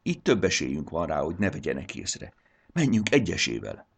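A man doing a gentle sensible boy. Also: sits low, slight background noise. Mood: calm. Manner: calm, reassuring. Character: sensible young boy, gentle but grumbly.

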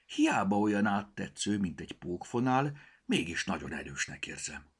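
A man voicing a brave, curious little girl in a storybook reading, with high, excited exclamations. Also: husky, exaggerated voice. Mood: determined.

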